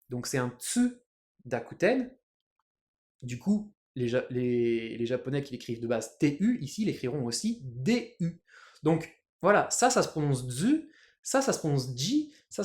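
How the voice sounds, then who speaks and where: A man teaching Japanese in a casual video lesson, chatty and lively, spelling out letters. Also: fairly high pitch, echoey room.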